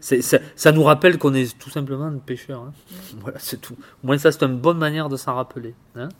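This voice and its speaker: A man giving informal Bible teaching, halting and repeating words, often asking his listeners questions. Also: medium pitch, steady tone, fairly bright tone. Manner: halting, repeats words, tags phrases with "hein"; addresses listeners directly with questions. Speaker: preacher.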